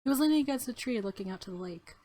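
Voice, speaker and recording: A woman hosting a let's play reads visual novel narration aloud and adds casual commentary, her voice fairly high, expressive, mellow, and rapid-fire. Game music is clearly audible behind her.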